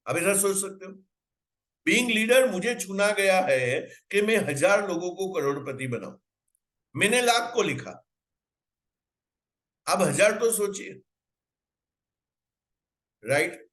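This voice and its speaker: Team leader, male, slightly high-pitched, motivational storyteller who drills points home by repeating them. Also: fairly bright tone. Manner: storytelling, mixing Hindi with English phrases, asks the audience questions; repeats phrases for emphasis. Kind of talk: motivational talk to a team on a video call.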